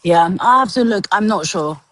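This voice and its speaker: A woman's voice: mid-range voice, expressive, moderate pace, rough recording. A woman from Iran, a guest on a livestream, who speaks earnestly, laughs often and hedges her points. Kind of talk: political debate on a livestream.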